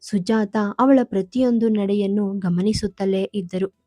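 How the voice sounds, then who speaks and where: A woman storyteller narrating a family drama in a calm, even manner. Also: mid-range voice, unhurried, dry recording. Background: soft music.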